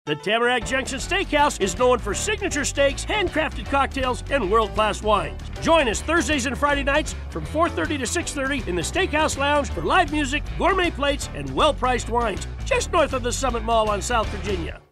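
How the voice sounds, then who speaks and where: Very high-pitched, animated male ad announcer. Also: moderate pace, few pauses, music in the background. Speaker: advert announcer. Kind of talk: upbeat scripted commercial read.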